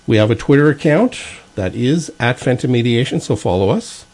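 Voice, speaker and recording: A man hosting a radio interview, reading his announcements and then asking relaxed questions. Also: mid-range voice, normal speed. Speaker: radio show host.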